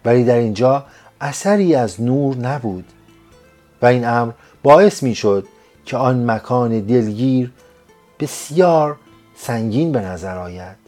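A man narrating a serialized story as a scripted audiobook, reading in a slow, measured way. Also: mid-range voice, animated, dark tone. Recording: faint music behind.

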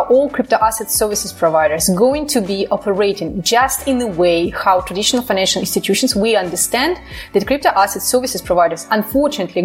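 A woman from Ukraine, a human rights advocate answering interview questions earnestly in phrasing with frequent fillers. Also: medium pitch.

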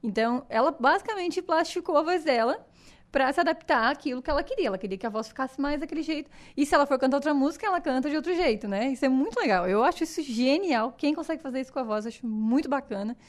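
A woman's voice: high voice, animated, fast. A woman, a singing teacher explaining voice technique enthusiastically in casual chat. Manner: enthusiastic, explanatory, demonstrates voices while talking.

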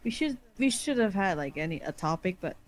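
A woman's voice: mid-range voice, a little fast. Joking woman guest on a podcast. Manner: joking, deadpan, swears freely. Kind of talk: casual podcast chat.

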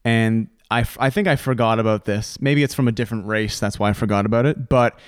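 A man's voice: lowish voice, steady tone, quick pace, clear, resonant tone, no echo. Joking man in a very dry booth. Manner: laughs often, teasing banter. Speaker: podcast co-host. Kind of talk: casual chat.

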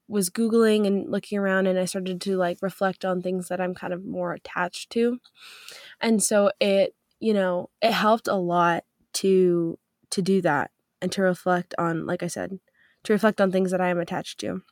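A lowish, steady female voice at normal speed, a little mellow, recorded dry at studio quality. The young woman hosts a faith podcast, and despite a cold that leaves her stuffy, she keeps the talk upbeat and loose, with many fillers.

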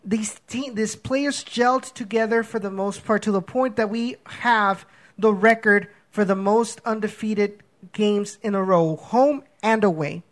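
A man's voice: sits high, a little slow. A man co-hosting a soccer podcast in casual chat, rambling with many restarts and fillers. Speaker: podcast co-host.

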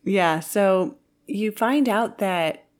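A woman's voice: mid-range voice, extremely slow. A woman in a casual film chat, telling stories with lots of giggles and acting out what people said. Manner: storytelling, giggly, quotes people in a raised voice. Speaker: film podcast co-host.

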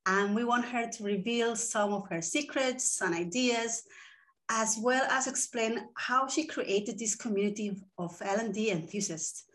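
A woman's voice: a little high, a little slow, fairly bright tone. A woman co-hosting a podcast, friendly, reading out a guest introduction with a few fillers over a remote call. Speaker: podcast co-host. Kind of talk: conversational interview.

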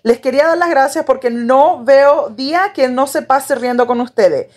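High-pitched woman reading messages. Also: a little mellow. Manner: reads listener messages aloud, quick, dry comments. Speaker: podcast co-host reading listener messages. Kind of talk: casual chat.

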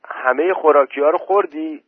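A man's voice: on the high side, breathy edge, no echo, pitched above the performer's own voice. A man voicing a curious village man who keeps asking questions. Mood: questioning. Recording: tinny phone-like voice message.

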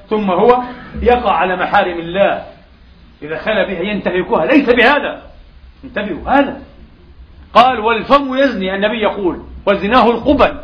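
A male preacher giving an animated Friday sermon in a mosque, throwing rhetorical questions at the congregation, with a Palestinian Arabic accent. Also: high voice. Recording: echoey, dull lo-fi mosque recording.

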